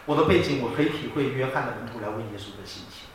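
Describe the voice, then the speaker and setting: A man's voice: medium pitch, very fast. A middle-aged man preaching a humorous sermon, mocking himself and chuckling often as he tells stories. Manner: self-mocking, chuckling often, animated storytelling. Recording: very echoey hall, distant mic, faint room noise.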